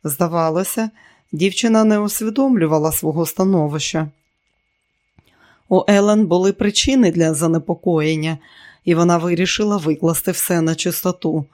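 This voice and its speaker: A man reading a novel aloud as audiobook narrator, in a steady, even manner. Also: high voice, moderate pace. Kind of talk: scripted narration.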